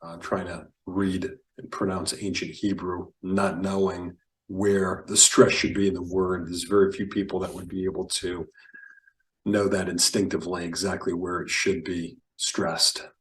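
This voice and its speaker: Low-voiced guy teaching hebrew, real slow and careful, mic kinda far off. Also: little pitch movement, reverberant. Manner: deliberate, enunciating each word.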